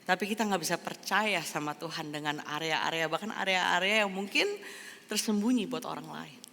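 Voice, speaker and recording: A woman pastor giving a casual, chatty sermon, animated and storytelling, slipping in English phrases. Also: fairly low pitch, moderate pace, gravelly, in a large hall. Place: church hall.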